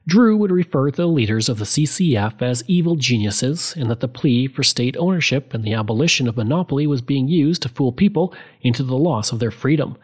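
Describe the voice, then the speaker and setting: A man's voice: medium pitch, animated, fairly quick, hardly any pauses, slightly rough. A man reading a scripted history narration as a host.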